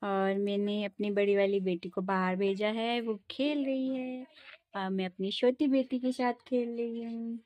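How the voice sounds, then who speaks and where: A woman's voice: fairly high pitch, fairly even intonation, a little slow, darkish tone, no room sound. A young woman, a mother, talking casually to her viewers at home about her baby's nights, now and then cooing to the child. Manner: soothing sing-song coaxing to her baby. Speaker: mother vlogging her day. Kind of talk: casual home vlog talk.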